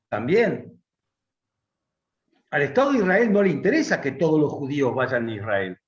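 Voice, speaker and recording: A man speaking Argentine Spanish, giving a measured, reflective answer at a public talk, pausing and restating his phrases. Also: high-pitched. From Romania, raised in Argentina. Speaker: guest philosopher. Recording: echoey, dull lo-fi room sound.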